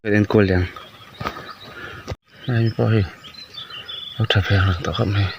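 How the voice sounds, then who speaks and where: A man's voice: lowish voice, fairly even intonation, normal speed, creaky, highs cut off, background noise. A man vlogging while he works outdoors, talking in short, scattered remarks and interjections. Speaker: gardening vlogger. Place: outdoors in a garden.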